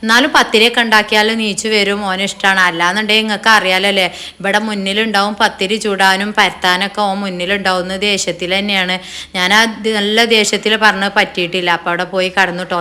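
A middle-aged woman, chatting homely and talkatively in a casual family vlog. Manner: homely and talkative, drops into a soft low voice on sad family news. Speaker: family vlogger and mother.

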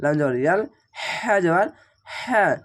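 A man teaching Quran reading, spelling each letter and vowel aloud, then chanting the whole word slowly. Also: sits high, expressive.

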